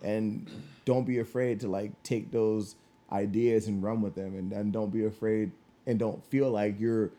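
A man's voice: lowish voice, steady tone, measured pace, dark tone. A young man co-hosting a casual chat in a laid-back, slangy way with plenty of swearing. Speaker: podcast co-host.

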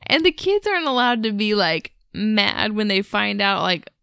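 A woman co-hosting a casual chat, relaxed and quick to agree and chime in. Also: mid-range voice, vocal fry, clear, resonant tone, no room sound, studio quality.

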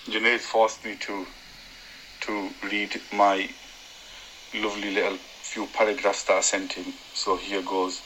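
Flat, low-pitched Yorkshire man reading. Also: measured pace, a little hiss or hum, low-quality recording. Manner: earnest, with frequent ums and self-corrections. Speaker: guest cyclist giving advice. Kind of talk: reading prepared tips aloud.

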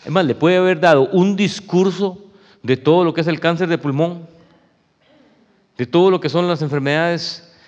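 A man's voice: a little high, normal speed, long pauses, darkish tone, big-room sound, dull audio. A male pastor preaching a sermon in an emphatic, conversational way, often calling his listeners "brother".

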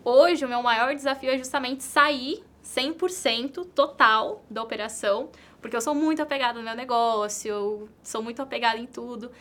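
A Brazilian woman with a fairly high, bright voice, speaking as an entrepreneur in an interview. She talks earnestly and repeats her key points for emphasis. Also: steady tone, normal speed, hardly any pauses. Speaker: entrepreneur and content creator. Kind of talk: interview answers.

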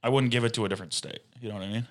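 A young man from Michigan co-hosting a casual podcast chat, joking in a deadpan way and swearing casually. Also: fairly low pitch, very fast. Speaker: podcast co-host.

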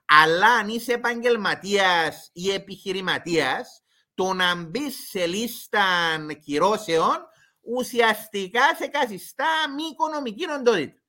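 A man's voice: high-pitched, expressive, bright, forceful tone. A man with a Cypriot Greek accent giving explanatory commentary as an expert guest in an interview.

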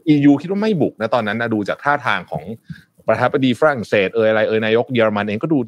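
A man on a talk show panel, talking in an animated way about world affairs and politely cutting in. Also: medium pitch, no echo. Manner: lively, apologetic interjections, quick laughs. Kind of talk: casual discussion of current affairs.

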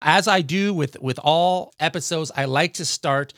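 A man hosting a podcast in casual interview chat, upbeat and quick with follow-up questions. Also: on the high side, fairly bright tone, no echo, clean studio sound. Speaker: podcast host.

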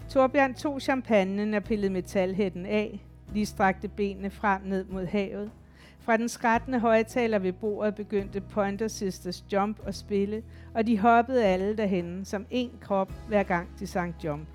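A woman narrating a literary audiobook in an even, measured storytelling voice. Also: medium pitch, faint music behind.

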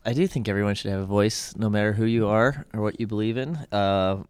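A man's voice: lowish voice, steady tone, fairly quick, darkish tone, clean tone, no room sound, studio quality. Laid-back teenage boy, clean tone. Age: teens. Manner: laid-back, earnest, hesitant fillers. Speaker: student radio co-host. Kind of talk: school morning radio show.

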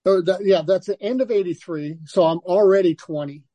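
A man's voice: high-pitched, fairly quick, no room sound, highs cut off. An older man, a former motocross racer, telling stories as an interview guest with lots of restarts and "you know". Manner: relaxed storytelling, frequent restarts and "you know". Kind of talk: casual interview.

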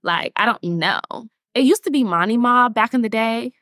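In clean studio sound with no echo, a fairly high-voiced woman from Atlanta, Georgia, in her 20s, hosts a casual talk to camera at a moderate pace. The TikTok creator and podcast host is chatty and animated, laughs often, and says y'all to her listeners.

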